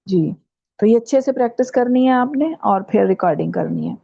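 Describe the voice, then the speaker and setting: A woman with a Pakistani Urdu accent teaching Quran pronunciation in an online class, patiently repeating letters slowly to demonstrate. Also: a little high, expressive, vocal fry, warm tone. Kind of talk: online tajweed lesson. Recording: dull lo-fi online class audio.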